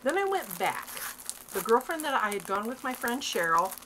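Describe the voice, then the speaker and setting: A woman's voice: fairly high pitch, sing-song, moderate pace, pushed and bright, slight background noise. A middle-aged woman vlogging from home, chatting eagerly about her crafting finds and laughing often. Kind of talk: casual show-and-tell vlog.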